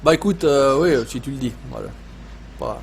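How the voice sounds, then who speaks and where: A man's voice: medium pitch, animated, brisk, gravelly, a little hiss or hum. A man with a Savoyard French accent hosting a casual live gaming stream, swearing often, joking and reading chat messages aloud.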